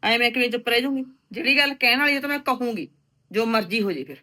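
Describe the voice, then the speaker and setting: A middle-aged woman playing a meddling, outspoken mother visiting her married daughter, talking in a stubborn, sharp-tongued way. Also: on the high side, fast, a little hiss or hum. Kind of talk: rural village drama acting.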